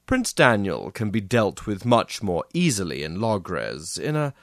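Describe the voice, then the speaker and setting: A man's voice: on the low side, big pitch swings, unhurried, fairly bright tone, dry recording, exaggerated voice. A male audiobook narrator voicing a calculating, impatient moneylender who sounds dry and dismissive. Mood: scheming. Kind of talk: audiobook character reading.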